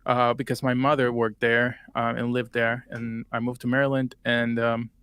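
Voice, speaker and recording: A medium-pitched, fairly bright, clean voice belongs to a Puerto Rican man in his twenties with a Spanish accent. He keeps a level tone and a moderate pace while meandering through his story with many fillers in a casual interview, and the recording is dry.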